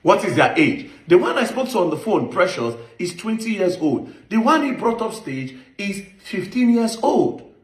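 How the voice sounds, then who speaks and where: A man's voice: high-pitched, very animated, moderate pace. A man with a Nigerian accent giving an impassioned, accusatory monologue, stressing points with rhetorical questions. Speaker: online commentator. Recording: echoey room.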